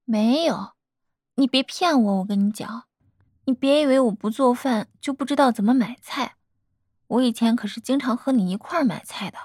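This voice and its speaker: A woman's voice: fairly high pitch, moderate pace, a little mellow, husky, no echo, clean studio sound. A young woman in a girlfriend role-play, talking tenderly, coaxing and teasing a partner.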